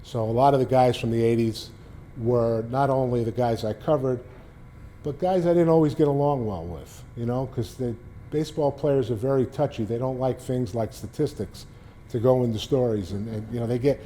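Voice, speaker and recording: This guest speaker at a public library is a sixtysomething former sports beat writer with a Boston accent. He tells loose, rambling stories with many restarts in a dark, mid-range voice at normal speed, with slight background noise.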